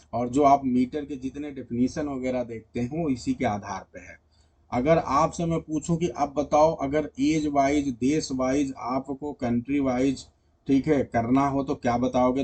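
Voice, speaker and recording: A man's voice: medium pitch, darkish tone, breathy edge. A male teacher giving an exam-prep lecture in Hindi mixed with English terms. He explains step by step and keeps checking that students follow. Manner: mixes English terms and read-out definitions into Hindi.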